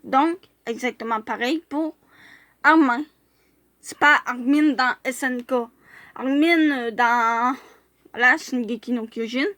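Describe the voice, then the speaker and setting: A woman's voice: on the high side, a little slow, bright, forceful tone, dry recording. A woman chatting casually in a vlog as she reviews fan profiles, hesitating often with filler sounds and restarts.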